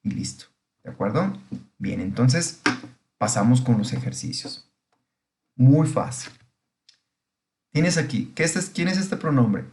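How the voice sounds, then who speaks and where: A middle-aged man walks through an English grammar lesson for his students. He explains slowly and patiently, step by step, and keeps checking that they understand. His voice sits at an ordinary pitch for a man. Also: expressive, darkish tone. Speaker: English teacher. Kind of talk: recorded online grammar lesson.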